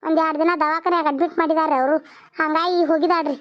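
Squeaky-high village women of a homemade cartoon, voiced by one woman, rattling along fast in a North Karnataka accent with polite dialect endings. The recording is dull and lo-fi. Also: level tone. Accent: North Karnataka Kannada. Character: village women, a bride and her kin. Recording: muffled lo-fi recording.

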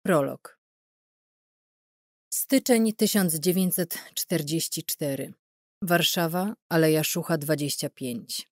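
Low-voiced woman narrating an audiobook. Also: no room sound, studio quality. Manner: calm, measured, dramatic reading.

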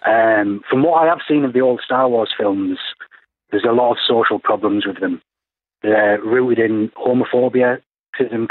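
A man in his twenties, a student calling into a radio discussion, earnest and deadpan as he complains indignantly. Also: mid-range voice. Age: 20s. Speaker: student caller. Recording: tinny phone line.

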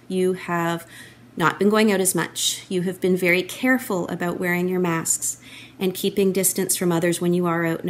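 A middle-aged woman telling a children's story for a church, expressive and animated, recorded on a laptop webcam at home. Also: mid-range voice. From Canada. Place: wood-panelled room at home, indoors. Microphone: laptop webcam, close framing.

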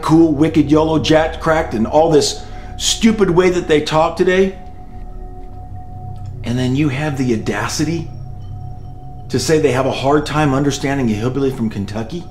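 A man plays a stern, indignant pastor who delivers cutting, scornful lines. His voice sits at a middle pitch. The room echoes around him, and faint music plays underneath. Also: natural voice.

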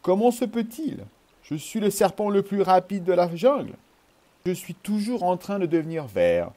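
Man putting on a raised, eager young snake voice, restless and stubborn, for a storybook, dark tone underneath. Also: high-pitched, big pitch swings, pitched above the performer's own voice. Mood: alarmed. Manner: eager, quick and insistent. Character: young bright-yellow python, restless and stubborn.

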